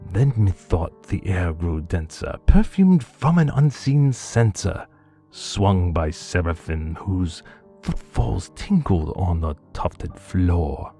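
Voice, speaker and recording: Theatrical man, slow dramatic reading. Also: low voice, animated, slightly rough, soft background music. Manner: theatrical, swings from hushed murmurs to anguished cries. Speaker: voice actor. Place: home studio.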